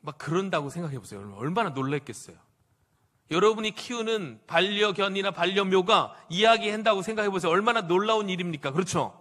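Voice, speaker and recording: A male pastor preaching a sermon, telling the story in an animated way with rhetorical questions to the congregation. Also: sits high, fairly quick. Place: church sanctuary.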